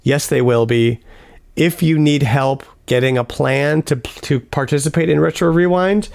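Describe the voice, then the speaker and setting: A man's voice: on the high side, unhurried, creaky, a little mellow, no echo. A man hosting a casual podcast, his voice cracking and close to giving out. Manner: upbeat, wraps up the show with thank-yous. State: voice cracking, nearly gone. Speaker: podcast host.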